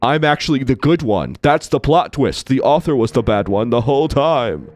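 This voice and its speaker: This gaming channel host speaks at a medium pitch and normal speed, his tone a little mellow and his intonation lively. He still hasn't fully got his voice back as he plays and comments in Let's Play style, slipping into character voices while rambling playfully and joking at his own expense.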